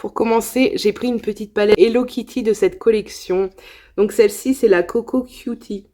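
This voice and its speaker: A woman's voice: on the high side, fairly even intonation, normal speed, mellow. A young woman chatting casually in a haul video, enthusiastic and full of asides and fillers. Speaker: beauty vlogger.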